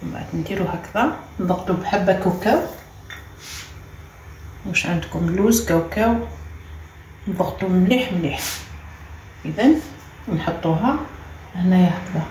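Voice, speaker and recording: A woman's voice: fairly low pitch, normal speed, pauses often, darkish tone. A woman with an Algerian Arabic accent hosting a home cooking tutorial. She talks step by step as she works and keeps repeating short cues. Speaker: cooking channel host. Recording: echoey room with faint ambient noise.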